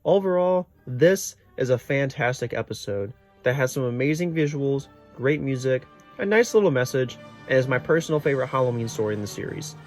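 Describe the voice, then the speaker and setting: A man reads a scripted review at an average pitch. Faint music sits behind the voice. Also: lively intonation, brisk.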